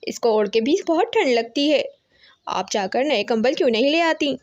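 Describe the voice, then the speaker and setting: A woman's voice: high voice, lively intonation, moderate pace, lo-fi sound. A woman voicing a young sparrow daughter asking her mother for something. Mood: pleading.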